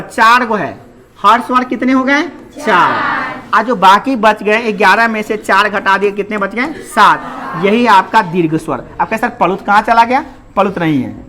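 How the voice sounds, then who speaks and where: A man's voice: sits high, bright, forceful tone. A man teaching grammar in a classroom lesson, asking and answering his own questions and sounding out vowels aloud.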